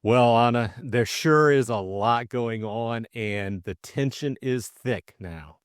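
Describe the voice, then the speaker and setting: Reading aloud from a classic novel and talking it over as a co-host, this middle-aged man has a smooth, mid-range voice and a slow delivery. The studio-quality recording is dry.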